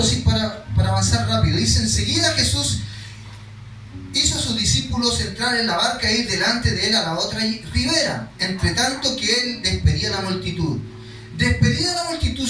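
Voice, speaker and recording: A male pastor with a very high, bright voice, preaching a sermon in a very echoey hall. He stands some distance from the mic, and soft music plays behind him. He reads scripture and then explains it conversationally, sometimes acting out the cries in the story.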